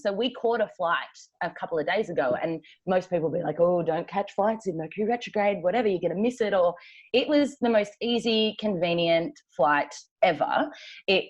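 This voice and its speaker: Chatty woman co-host, lo-fi sound. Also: fairly low pitch. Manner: chatty, laughs often, storytelling. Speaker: podcast co-host. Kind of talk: casual chat. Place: travelling, recording remotely.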